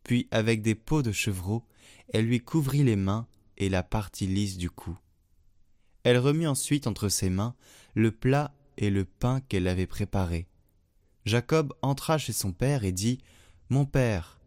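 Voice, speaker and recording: A man giving a solemn liturgical scripture reading in a slow, measured way. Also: on the low side, a little mellow, dry recording. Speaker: scripture reader. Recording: dry, faint music behind.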